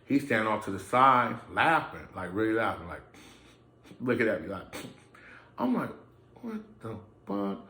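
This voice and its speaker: Speaking into his camera mic from an indoor room under lights, a man tells a profane personal story in a blunt, streetwise manner. His lowish voice swings widely in pitch and sounds pushed and bright. He's unhurried with long pauses, and the sound is reverberant.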